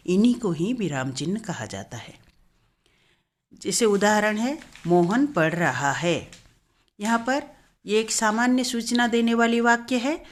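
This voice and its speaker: A woman teaching a Hindi grammar lesson, explaining step by step and often correcting herself. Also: medium pitch.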